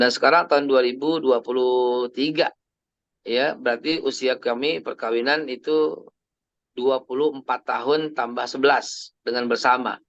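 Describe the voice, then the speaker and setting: Man in his 50s, gravelly voice, chatty storytelling sermon, dry and slightly dull recording. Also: mid-range voice, a bit bright, no room sound. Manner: chatty, storytelling, sprinkles English phrases. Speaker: Islamic preacher. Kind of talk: casual family sermon.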